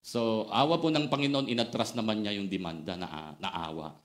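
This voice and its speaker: Man, pastor, storytelling sermon, animated, mixes in English, hushed asides and loud bursts. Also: fairly low pitch, normal speed.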